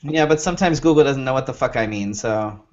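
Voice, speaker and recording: On a dull lo-fi recording with heavy background noise, a show co-host talks fast in a mid-range voice. He rambles casually, swears freely, and runs through plugs and a sign-off.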